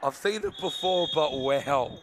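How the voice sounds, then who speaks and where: A man's voice: on the high side, measured pace, noisy background. A man co-commentating a live match from the commentary box, eager and urging the players on.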